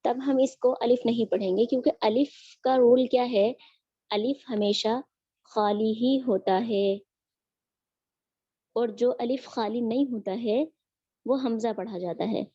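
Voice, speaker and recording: A woman teaching Quran recitation in an online lesson, drilling each sound slowly and patiently. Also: a little high, dark tone, husky, dry recording, highs cut off.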